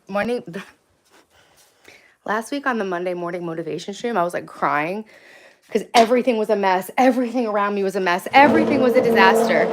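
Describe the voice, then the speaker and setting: A woman live streamer chatting casually from home on a phone, blunt and easily sidetracked as she talks to viewers. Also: mid-range voice. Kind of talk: casual rambling chat with viewers. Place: indoors at home, moving between rooms. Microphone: phone, moving around. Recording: faint background noise.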